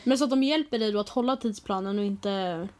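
A woman's voice: mid-range voice, a little mellow. A young woman co-hosting a podcast, talking casually with lots of hesitant fillers. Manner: chatty, hesitant, many fillers. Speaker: podcast co-host. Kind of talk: casual chat.

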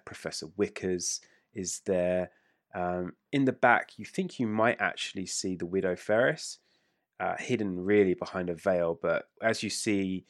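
Low-voiced game master. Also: male voice, dry recording, clean studio sound. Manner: relaxed, rambling description with fillers. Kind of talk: narrating a tabletop game.

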